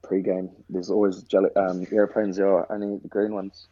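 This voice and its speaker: A man's voice: sits low, flat delivery, normal speed, warm tone, highs cut off. A young man with a broad New Zealand accent, answering interview questions casually in short, slangy phrases. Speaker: interview guest, rugby player. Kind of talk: casual chat.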